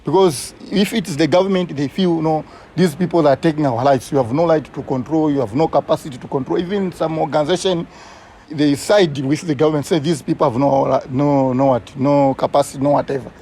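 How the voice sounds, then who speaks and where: A man's voice: on the high side, steady tone, a little fast, dark tone, slight background noise. Earnest Zambian man recalling conservation work. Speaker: community conservation coordinator. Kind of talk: interview recollection.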